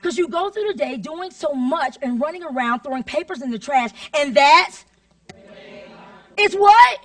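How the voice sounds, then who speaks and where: A woman's voice: sits high, normal speed, a bit bright, distant mic. A woman teacher giving a playful, theatrical stage talk, firing rhetorical questions at the audience. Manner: call-and-response questions to the audience. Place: stage at a live talk event.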